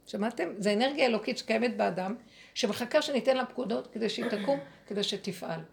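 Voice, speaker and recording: A woman teaching a spiritual lesson to a group, speaking in an animated way, acting out inner dialogue and asking her listeners rhetorical questions. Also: fairly high pitch, creaky, slight background noise.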